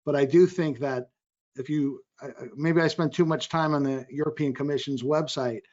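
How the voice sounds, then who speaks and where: A man speaking as an investor on a panel, energetic and quick, often cutting into his own sentences. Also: a little high, lo-fi sound. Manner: energetic, quick, self-interrupting. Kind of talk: panel discussion. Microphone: video call.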